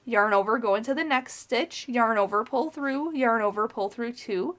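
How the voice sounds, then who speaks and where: Woman calmly counting crochet stitches. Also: a little high. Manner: counts stitches aloud, calm and methodical. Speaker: crochet teacher. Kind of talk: step-by-step tutorial instruction.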